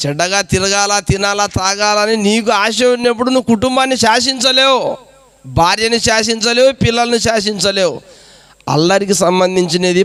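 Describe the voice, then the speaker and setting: A man's voice: sits high, a bit bright, smooth, no room sound. A man preaching a sermon as a pastor, exhorting the congregation with rhetorical questions. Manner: repetitive preaching cadence.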